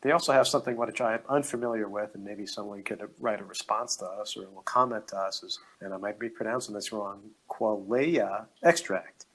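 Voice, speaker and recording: A man co-hosting a casual podcast, reading out news items in a steady, matter-of-fact way. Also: lowish voice, a little fast, few pauses, slightly rough, rough recording. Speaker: podcast co-host.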